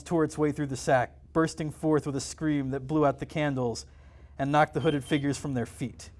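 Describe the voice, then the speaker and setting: At a live event in a comic and game shop, a man reads aloud from a novel he wrote himself. His narration is lively and dramatic, delivered in a fairly high voice.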